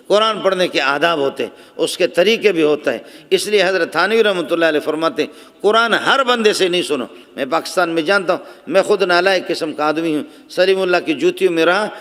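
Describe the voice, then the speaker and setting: A man preaching a sermon at a conference, telling stories with passion, sometimes soft, sometimes raised for emphasis. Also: high-pitched. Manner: storytelling, impassioned, shifting between soft asides and raised emphasis. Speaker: religious speaker. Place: large conference hall. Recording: long hall reverb.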